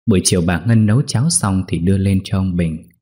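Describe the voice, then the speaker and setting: A man narrating a ghost story in an expressive storytelling way. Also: deep voice, fairly quick, breathy edge.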